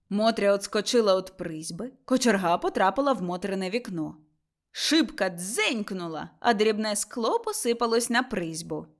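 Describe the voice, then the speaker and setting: A woman reading an audiobook with expressive storytelling narration. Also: mid-range voice. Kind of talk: scripted narration.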